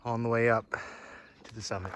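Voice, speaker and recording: A man's voice: mid-range voice, level tone, a little fast, clean tone. A man filming himself on a mountain trail, chatting casually as he walks, with a loose, rambling way of talking full of fillers. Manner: easygoing, rambling, many "like" and "uh" fillers. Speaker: hiker filming a trail vlog. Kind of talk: casual walking narration. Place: outdoors on a wooded mountain trail.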